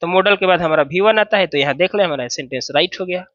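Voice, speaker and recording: A male teacher gives a classroom grammar lesson in a high, bright voice. He walks through each rule step by step, often posing a question and answering it himself. The sound is dry and slightly muffled. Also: fast talker, dry recording. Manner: explains step by step, asks and answers own questions. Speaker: English teacher.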